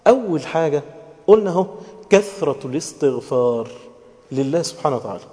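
A male preacher with an Egyptian Arabic accent, his voice a little high and warm in tone. He moves between loud, stressed lines and soft, tender ones, and slowly chants the prayers he quotes. The sound rings out with a long reverb, as in a large hall. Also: expressive. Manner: swings between loud emphasis and hushed, tender phrases. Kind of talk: sermon to young people.

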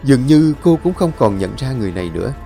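A man narrating a horror story in a dramatic, expressive way. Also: mid-range voice, fast talker, creaky, faint music behind.

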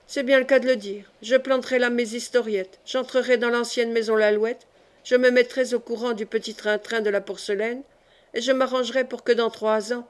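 A woman's voice: fairly high pitch, steady tone, normal speed, close to an everyday voice. A woman reading aloud as a stout, blunt middle-aged shopkeeper who speaks plainly and directly, in an audiobook. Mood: businesslike.

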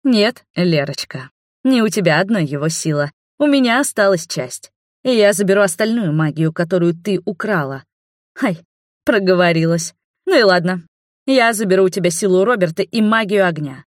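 A woman's voice: lowish voice, lively intonation, normal speed, no room sound, studio quality, natural voice. A woman voicing a spoiled young princess who is furious and demanding, speaking in a raised, indignant voice. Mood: spiteful. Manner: indignant, shouting.

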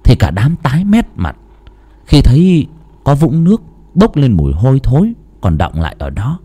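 A man's voice: medium pitch, wildly swooping pitch, normal speed, mellow, breathy edge. A man narrating a ghost story in a dramatic, suspenseful way.

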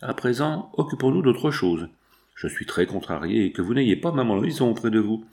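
A man reading the lines of a cheerful young seamstress in an audiobook, with a gently raised voice. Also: mid-range voice, animated, moderate pace, lightly acted.

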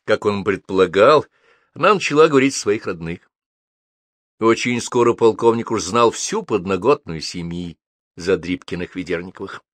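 Low-voiced male audiobook narrator. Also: normal speed, a bit bright, no room sound. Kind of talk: scripted narration of a police detective novel.

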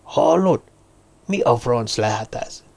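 Man doing a bossy ringleader, curt snapping lines, mid pitched, audiobook figure. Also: lively intonation, creaky, a little mellow.

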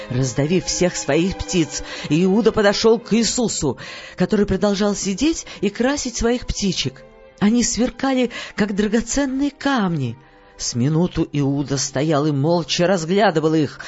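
A woman reading a story aloud as an audiobook narrator, measured, letting phrases fall at their ends. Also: medium pitch, darkish tone. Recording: dull audio with faint music.

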